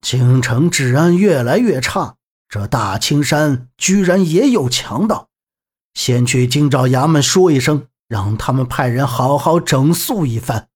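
A man voicing a bearded older male court official in an audiobook, measured and earnest. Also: medium pitch, animated, darkish tone, husky.

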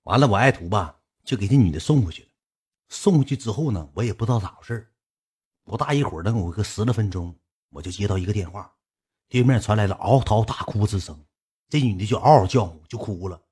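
A young man with a Northeastern Mandarin accent telling a casual anecdote in colloquial speech, animated and acting out the dialogue himself. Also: lowish voice, quick pace, husky. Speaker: storyteller.

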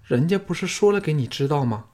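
A man with a husky voice reading a proud, sharp-tongued young noblewoman in an audiobook, with teasing, haughty retorts. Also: on the high side, animated, quick pace, pitched above the performer's own voice. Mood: indignant. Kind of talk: audiobook character voice.

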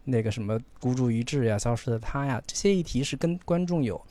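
A man's voice: medium pitch, animated, fast talker, dark tone, no room sound. Chatty man in a dry room. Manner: chatty, repeats words while thinking. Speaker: podcast co-host. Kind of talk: casual film discussion.

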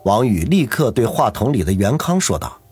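A man narrating an audiobook novel in a steady storytelling manner. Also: lowish voice, moderate pace, soft background music. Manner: steady storytelling, doing every character.

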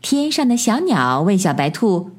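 A woman's voice: mid-range voice, very animated. A woman narrating a bedtime story for children in a lilting storybook voice. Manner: slow, lilting storybook delivery.

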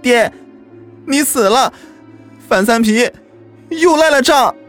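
Man putting on a high-pitched ten-year-old boy, blunt, pleading, insistent, storybook tale. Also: sing-song, fairly quick, faint music behind. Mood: wailing.

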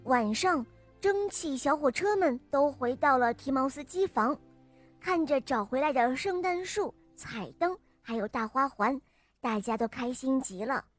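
A woman narrating a children's story about toy trains in a lively, friendly voice, as the show's regular storyteller. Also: high voice, unhurried, faint music behind.

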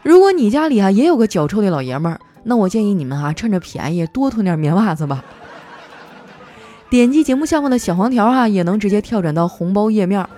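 Chatty woman telling office stories, mellow voice, bouncy pitch, faint music behind. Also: sing-song, fast. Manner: chatty, playful, acts out quoted coworkers. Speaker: host. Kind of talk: comic storytelling monologue.

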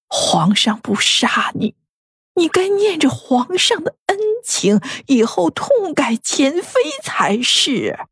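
A woman voicing an aged, stern noble mother who scolds her son in a slow, reproachful, trembling voice in a fan audio drama. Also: fairly high pitch, dry recording, clean studio sound, exaggerated voice. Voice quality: breathy, trembling.

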